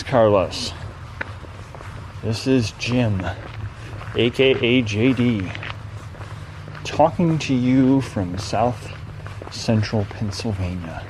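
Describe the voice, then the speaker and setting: A man's voice: medium pitch, slight background noise, rough recording. A man casually recording an audio message for a podcast while outdoors. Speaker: podcast contributor. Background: faint outdoor ambience.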